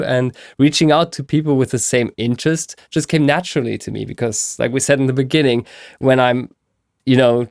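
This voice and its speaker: A man in his thirties, a software specialist guesting on a podcast, talking casually and with enthusiasm. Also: medium pitch, dry recording, clean studio sound. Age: 30s. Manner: enthusiastic, laughs easily. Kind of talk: casual conversation.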